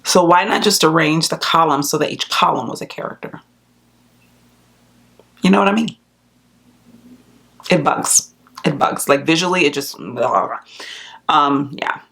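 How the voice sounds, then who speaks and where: A woman beauty vlogger chatting casually about new makeup releases, rambling with fillers and restarts and jumping up in pitch when she stresses a point. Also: a little slow, creaky, pauses often, a bit bright, husky.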